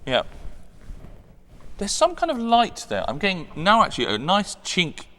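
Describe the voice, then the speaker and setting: A man's voice: high voice, wildly swooping pitch, moderate pace, bright, forceful tone, in a large hall. A man chatting enthusiastically as co-host of a perfume review, rambling with many restarts. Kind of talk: casual chat.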